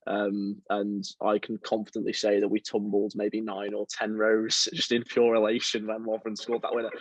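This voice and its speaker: A young man from around Liverpool, chatting as a football writer guest in a relaxed, self-deprecating way with lots of fillers. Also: lowish voice, normal speed, no echo. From England, around Liverpool. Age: young adult. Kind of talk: casual interview chat.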